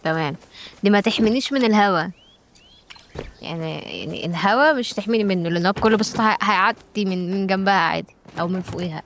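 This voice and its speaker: A woman's voice: medium pitch, quick pace, fairly bright tone, a little hiss or hum. Chatty Egyptian woman gamer. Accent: Egyptian Arabic. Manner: chatty, exclaiming, bantering with game characters. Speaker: gaming YouTuber. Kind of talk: casual let's-play commentary.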